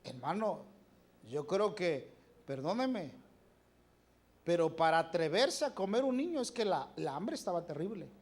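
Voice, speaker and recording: A preacher delivers a sermon in church, reading scripture and asking the congregation questions directly. His mid-range voice runs a little slow, animated, with volume swinging between loud and soft.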